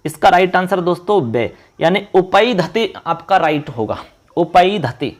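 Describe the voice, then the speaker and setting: A man giving an online exam-prep lesson, quizzing viewers and slowly repeating key terms. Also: high voice, expressive. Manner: addresses viewers as friends, quizzes them. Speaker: teacher.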